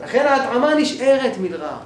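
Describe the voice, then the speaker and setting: A man's voice: extremely high pitch, big pitch swings. A male teacher giving a grammar class in a synagogue hall, explaining step by step and often checking that the class follows. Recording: echoey room, faint background noise.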